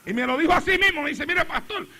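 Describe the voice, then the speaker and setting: A man's voice: very high voice, animated, rapid-fire, sharp tone. A middle-aged man preaching a sermon as pastor, repeating phrases with rising fervor. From Puerto Rico.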